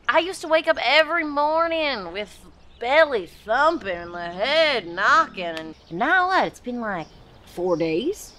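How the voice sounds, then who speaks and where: A woman's voice: on the high side, very animated, unhurried, sharp tone, slight background noise, exaggerated voice. A woman playing a folksy, emphatic character proud of giving up beer, in a comedy sketch. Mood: proudly reformed. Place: outdoor backyard.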